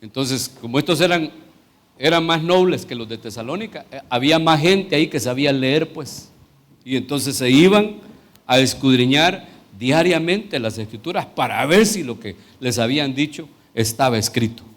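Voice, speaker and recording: A man's voice: medium pitch, lively intonation, normal speed. A middle-aged man with a Salvadoran Spanish accent, a pastor teaching a sermon in a conversational way that turns into fervent prayer.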